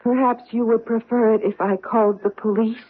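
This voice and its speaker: Her voice on the high side, level in tone, slightly rough and a little fast, an actress portrays a defensive, evasive middle-aged American housewife concealing her past in a 1970s radio drama. The mood is guarded, and the sound is that of a tinny old broadcast.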